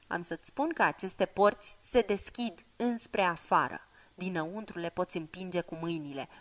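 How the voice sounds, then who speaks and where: A woman voicing a stern, short-tempered old male wizard who scolds and commands loudly. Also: on the low side, natural voice. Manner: commanding, scolding, slow chanted spells.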